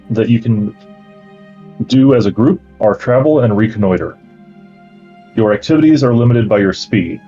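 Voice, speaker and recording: A man acting as game master reads out campaign lore, then explains the travel rules in a relaxed way, filling his speech with lots of fillers. His voice sits lowish, and the recording sounds muffled.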